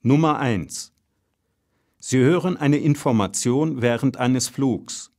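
A man's voice: medium pitch, slow, a little mellow. A man reading out scripted exam announcements as a narrator.

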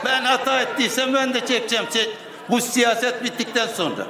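An older man making halting, insistent impromptu remarks from his seat in parliament. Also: very high voice. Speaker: member of parliament. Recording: echoey hall with crowd noise.

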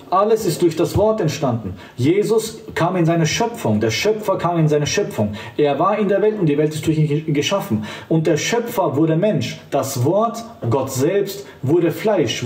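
Emphatic male evangelist, fairly high voice, picked up from some distance. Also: sing-song, measured pace, darkish tone. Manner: fervent, emphatic, addresses the listener directly. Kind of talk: street-style preaching to camera. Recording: roomy sound, voice from a distance.

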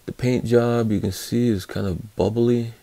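Slow, gravelly-voiced man reviewing tools. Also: medium pitch, steady tone, mellow, no room sound. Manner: unhurried, hesitant, many fillers and restarts. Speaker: tool reviewer. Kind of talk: casual hands-on product review.

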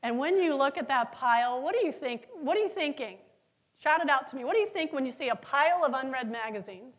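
A middle-aged keynote speaker stands on stage in a big conference hall, spinning lively stories and putting questions to the crowd. She talks quickly in a high register, though the audio sounds dull.

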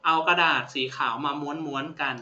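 A man's voice: on the high side, fairly even intonation, moderate pace, sharp tone. A man teaching a language lesson, patiently repeating each word and praising his students. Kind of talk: classroom-style lesson. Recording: roomy, dull lo-fi sound with faint hum.

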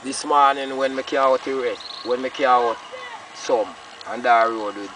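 A man's voice: mid-range voice, moderate pace, distant mic. An older Jamaican man reasoning casually in rasta-style patois, emphatic and repeating his phrases. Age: older, about 60s. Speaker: farmer being interviewed. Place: outdoors on a village roadside. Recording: outdoor roadside, off-mic, faint noise.

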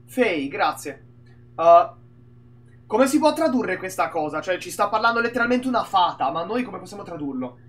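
A man's voice: high voice, normal speed. A man from Italy streaming an indie game, rambling and swearing casually as he talks through it. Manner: animated, rambling, swears a lot. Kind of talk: casual gameplay commentary.

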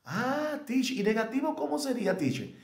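A man's voice: extremely high pitch, very animated, moderate pace, vocal fry, pitched above the performer's own voice, full character voice. Man doing a puzzled young female student. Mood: curious. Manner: hesitant, puzzled questioning. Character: confused young female student asking the teacher. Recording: echoey room.

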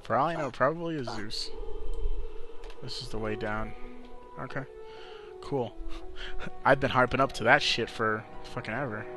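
A man's voice: medium pitch, moderate pace, long pauses. A man giving casual, rambling gameplay commentary in blunt, slangy, sweary language. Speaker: video game player commentator. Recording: game music under the voice. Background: video game music.

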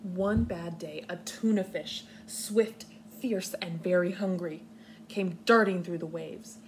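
Reading slowly to young children from a living-room couch, a young American woman uses a lowish voice with fairly even intonation. Like a kindergarten teacher, she gives clear explanations in simple words, captured in a clearly noisy home recording.

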